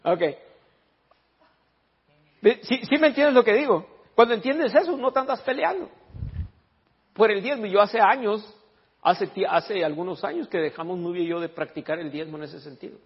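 A man preaching to his church with a husky, slightly high voice. He tells lively stories and jokes with the congregation between points. The sound is dull and lo-fi, with a long reverb from the hall. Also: normal speed, pauses often. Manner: animated storytelling, joking with the congregation; reads scripture in English and Spanish. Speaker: pastor. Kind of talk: sermon.

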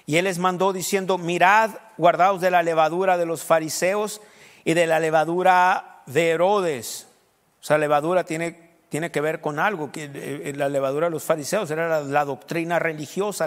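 High-voiced preacher in a reverberant hall. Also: male voice. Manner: conversational preaching, asks listeners rhetorical questions. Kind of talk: sermon.

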